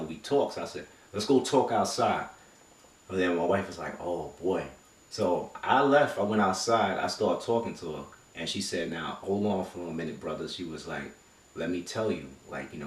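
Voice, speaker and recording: A man telling a story in casual chat, animated and acting out quotes with street slang, recorded from a distance in an echoey room. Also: low voice. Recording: echoey room, mic far off.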